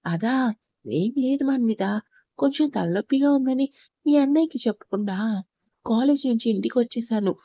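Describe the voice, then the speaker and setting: A nervous young wife from a storybook reading, timid with a tart edge when she grumbles, as a woman narrator reads her. The voice is mellow and rather high, recorded close and dry. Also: moderate pace, pauses often, no echo, lo-fi sound.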